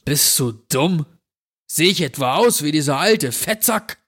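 A man voicing a dirty, menacing stranger who grants children's wishes, speaking with a slow, mocking drawl in a horror story reading. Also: on the high side, lively intonation, a bit bright, slightly rough, voice pushed up, full character voice.

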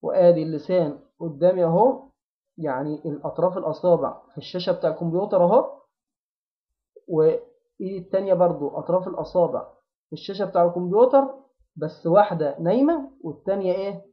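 Egyptian-accented male recitation teacher, patient slow drilling, slightly high voice, muffled recording. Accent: Egyptian Arabic. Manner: slow repeated drilling of syllables and words. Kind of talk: tajweed pronunciation lesson.

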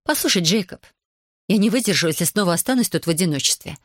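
A woman's voice: fairly low pitch, expressive, fast, dry recording, clean studio sound. A woman reading an audiobook, voicing a fretful, spiteful plantation mistress who whines and hisses her complaints. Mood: whining. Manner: whining, hissing, complaining.

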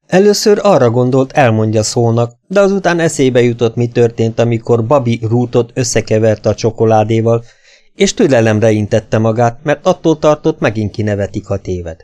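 A man narrating an audiobook in a steady, measured reading voice. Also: medium pitch.

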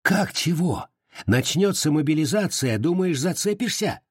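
A man voicing a spiteful, hot-tempered young Cossack in an audiobook reading, with a high, yelping delivery. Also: animated, a little slow, slightly rough, no room sound, clean studio sound. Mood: scornful.

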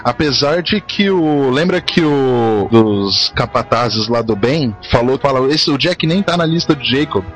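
A man's voice: mid-range voice, animated, measured pace, hardly any pauses. A man with a Brazilian accent talking casually as a host in a panel discussion. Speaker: podcast host. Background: faint background music.

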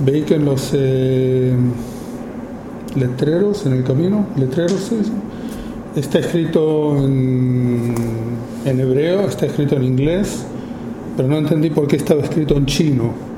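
A man in his fifties from Argentina with an Argentine Spanish accent, speaking informally to an audience about his work, slowly and with many pauses and fillers. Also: medium pitch, reverberant, background noise. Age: 50s. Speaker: photographer giving a talk.

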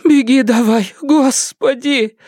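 A man's voice: very high-pitched, steady tone, takes it slowly, a little mellow, no echo, clean studio sound, pitched above the performer's own voice, full character voice. A man doing a fretful old grandmother. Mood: urgent. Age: older. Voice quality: raised, fretful. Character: anxious elderly grandmother, fussing and urgent.

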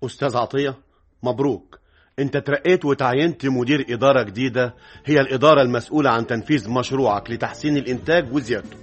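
An actor with an Egyptian accent playing a firm, questioning director-general in an old radio drama. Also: male voice, mid-range voice, very fast, natural voice. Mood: announcing. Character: stern male director-general, probing boss. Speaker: department director Mohsen Bey. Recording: old radio broadcast recording.

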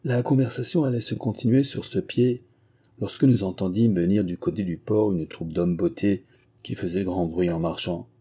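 A male audiobook narrator with a deep, dark, husky voice. He tells the story in a measured, literary way, with his pitch sitting on the low side. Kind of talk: scripted narration.

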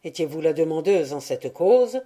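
A woman's voice: low voice, measured pace, mellow. A woman reading the part of a fussy, squeamish newlywed husband who groans and cries out, in an audiobook. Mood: horrified. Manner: anguished, groaning outbursts.

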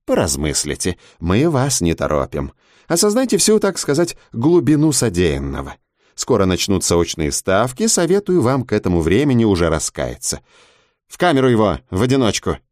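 A man's voice: lowish voice, wildly swooping pitch, darkish tone, dry recording, studio quality. A man voicing a mocking male interrogator who drags out his bureaucratic phrases. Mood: smug. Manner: mocking, drawn-out officialese.

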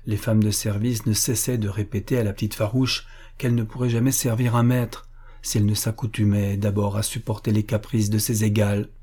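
Husky, dark-voiced male narrator. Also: lowish voice, little pitch movement, brisk. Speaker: audiobook narrator. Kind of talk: literary audiobook reading.

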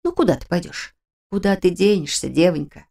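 A woman voicing a fussy elderly female cook who scolds with care, in a lower, hushed, hoarse and folksy voice. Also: fairly quick. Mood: worried scolding.

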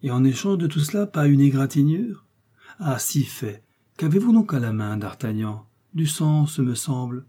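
A man's voice: mid-range voice, lively intonation, moderate pace, warm tone, natural voice. A man reading aloud and voicing a proud, sardonic noble musketeer who talks in a dry, commanding, ironic way.

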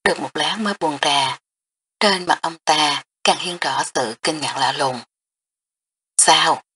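A woman narrating an audiobook in a calm, steady storytelling manner. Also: deep voice, measured pace, slight background noise.

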